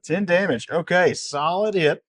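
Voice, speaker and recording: Male game master, slightly high voice, easygoing, talks through rules in restarts. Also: a little slow, fairly bright tone. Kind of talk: narrating a tabletop game.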